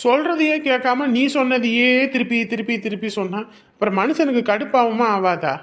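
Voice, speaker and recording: A man's voice: extremely high pitch, a little fast, a bit bright. An actor playing a stubborn young husband who lectures his wife and turns harsh, in a family drama. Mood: angry scolding. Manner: lecturing, repeats himself, grows harsh. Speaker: husband leaving home for work. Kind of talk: Tamil family drama acting.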